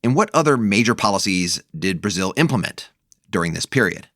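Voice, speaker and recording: A man hosting an economics podcast, introducing the topic and his guest in a clear, measured, emphatic way. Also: fairly low pitch, expressive, a bit bright, no room sound, clean studio sound. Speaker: podcast host. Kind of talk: scripted podcast narration and interviewing.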